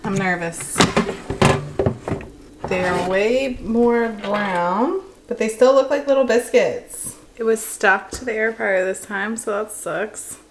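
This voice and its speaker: A young lifestyle vlogger walks through a bake-along in her home kitchen, speaking slowly in a mid-range voice. She chats casually, thinks aloud, and makes fun of herself. The close-range camera audio carries a noisy background.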